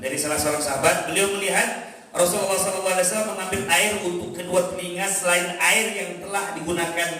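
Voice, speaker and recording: A man's voice: sits high, steady tone, quick pace, crowd noise. A man preaching to a congregation, asking questions and answering them himself. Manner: addresses the congregation directly, asks and answers his own questions. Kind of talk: religious lecture. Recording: echoey hall, distant mic, faint noise.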